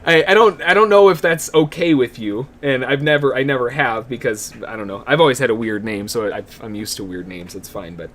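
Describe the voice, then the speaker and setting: A man's voice: medium pitch, a little fast, hardly any pauses, fairly bright tone. A man giving live day trading commentary, chatty and laughing often as he greets viewers in the chat.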